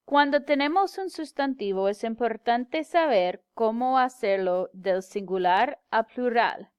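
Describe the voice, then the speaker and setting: Slow, clear-spoken woman teacher. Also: on the high side, expressive, darkish tone, dry recording, studio quality. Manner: slow, careful, clearly enunciated explanation with English glosses. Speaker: Spanish teacher. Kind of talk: slow classroom grammar lecture.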